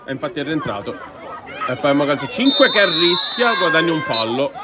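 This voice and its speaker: Male sports commentator, breathless goal calls, high voice, very animated swings, noisy crowded venue. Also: a little fast. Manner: breathless, bursting into shouts on goals. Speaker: futsal match commentator. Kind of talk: excited play-by-play sports commentary in Italian. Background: crowd noise.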